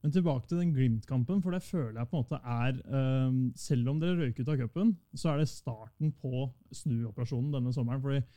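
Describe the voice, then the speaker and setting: A man's voice: mid-range voice, few pauses. A man hosting an interview, asking casual questions and murmuring agreement often. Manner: relaxed, frequent murmured agreement. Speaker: podcast host.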